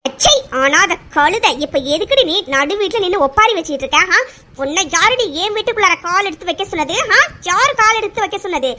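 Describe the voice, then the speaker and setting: Cruel old grandmother, voiced by a woman: harsh, drawn-out taunts, bright tone. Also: extremely high pitch, animated, heavily acted. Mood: furious. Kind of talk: cartoon serial voice acting.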